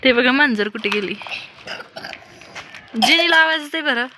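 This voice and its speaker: Her voice sits high and sharp, and she keeps a measured pace as she talks to the camera and her small child. The young woman is vlogging from a rooftop terrace on her phone, which picks up noisy outdoor sound.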